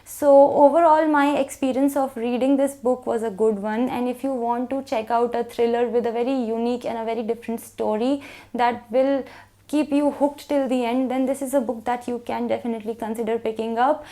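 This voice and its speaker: High-voiced young woman reviewing a book. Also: a little fast. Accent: Indian English. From India. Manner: earnest, even explaining tone with frequent "so" openers.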